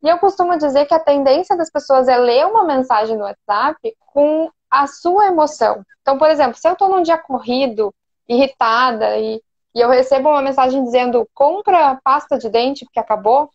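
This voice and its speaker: A woman's voice: high voice, normal speed, lo-fi sound. A woman psychologist as a guest in an interview, chatting and explaining with everyday examples. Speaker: psychologist and couples therapist, guest. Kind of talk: conversational interview.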